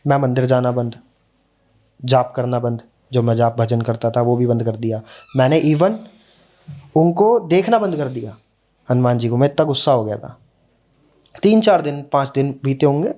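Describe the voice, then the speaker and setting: A man's voice: medium pitch, darkish tone. A young man, a podcast guest, earnestly telling a personal story in casual conversation. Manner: earnest, emotional retelling, slows down at key moments.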